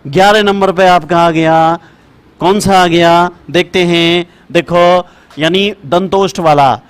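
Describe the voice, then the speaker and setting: Man teaching a class, high voice, slow chanting repetition, addresses students as brother. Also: clear, resonant tone. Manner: repetitive, chanting rules for dictation; talks to students as brother and child. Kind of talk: classroom lecture.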